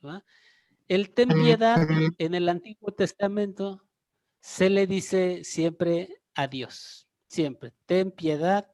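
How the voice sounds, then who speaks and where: A man, a pastor teaching a Bible class, who talks deliberately and repeats key phrases for emphasis. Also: a little high, a little mellow, no echo.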